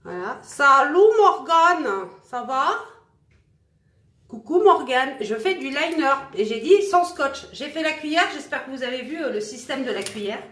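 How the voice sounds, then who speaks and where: A woman's voice: high voice, lively intonation, normal speed, fairly bright tone, roomy sound. Chatty, self-mocking woman doing makeup. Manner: chatty, self-mocking, talks to viewers while applying makeup. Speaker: makeup vlogger. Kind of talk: casual makeup tutorial livestream.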